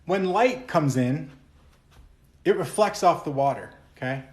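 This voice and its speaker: A man's voice: fairly high pitch, lively intonation, unhurried, darkish tone. A man giving an informal motivational teaching talk, conversational and checking in with listeners, with an alarm beeping behind him. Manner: conversational, with frequent check-in questions. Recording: echoey room. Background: alarm beeping in the background.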